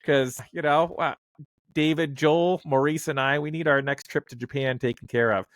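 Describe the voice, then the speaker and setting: Rambling podcast host, dry sound. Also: male voice, fairly high pitch, steady tone, normal speed, fairly bright tone, dry recording. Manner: rambling, many fillers and restarts. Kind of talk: casual podcast chat.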